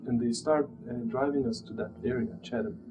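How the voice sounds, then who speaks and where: A man in his thirties from Turkey, an immigrant, shares personal testimony in an interview, his medium-pitched voice steady as he hesitates and hunts for words in his Turkish accent. Recorded in a small plain room, the sound is muffled and dull, with room noise behind him.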